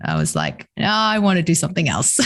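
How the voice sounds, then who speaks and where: Woman, 40s, interview guest; candid, reflective, low-set voice, light laughs. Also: wildly swooping pitch, normal speed, a bit bright. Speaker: guest entrepreneur. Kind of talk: casual interview conversation.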